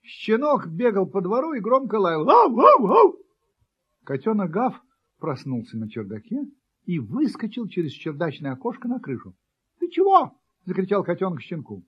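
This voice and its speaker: A man reading a children's story aloud in an expressive, sing-song way. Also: high voice, normal speed, breathy edge. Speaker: narrator. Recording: dull lo-fi recording.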